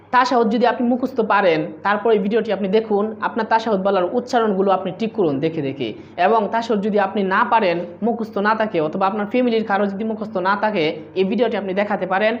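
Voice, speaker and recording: A woman teaching prayer recitation, with quick explanations between slow, drawn-out model syllables. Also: mid-range voice. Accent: Bangladeshi Bengali. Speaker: Quran pronunciation teacher. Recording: slightly muffled lo-fi audio.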